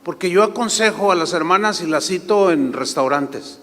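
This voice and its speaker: A man voicing a pastor who defends himself, speaking excitedly and indignantly. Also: sits high, normal speed, long reverb tail. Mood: defensive.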